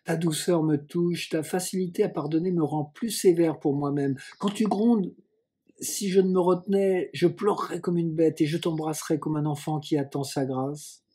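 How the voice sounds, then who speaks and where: A man's voice: a little high, fairly even intonation, moderate pace, warm tone, slightly rough. A man voicing an impulsive, affectionate teenage boy in a storybook reading. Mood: emotional. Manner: eager, pleading.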